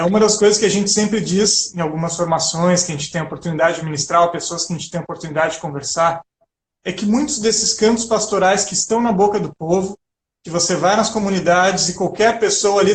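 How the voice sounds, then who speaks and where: A man with a Brazilian Portuguese accent, co-hosting a video-call chat and speaking reflectively and earnestly about sacred music. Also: sits high. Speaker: co-host, liturgical music educator. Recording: roomy video call audio.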